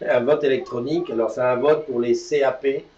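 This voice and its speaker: A man's voice: medium pitch, fairly even intonation, brisk, darkish tone. A man hosting a live morning show, chatting casually and upbeat, announcing news and teasing his co-host. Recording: distant, roomy, dull sound.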